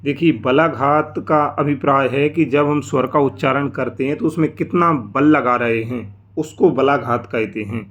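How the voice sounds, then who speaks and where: A man teaching a language lesson, explaining slowly and step by step, sometimes drawing out sounds to show them. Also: medium pitch, steady tone, fairly bright tone, highs cut off. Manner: slow, explanatory, often drawing out sounds to demonstrate. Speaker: Sanskrit teacher.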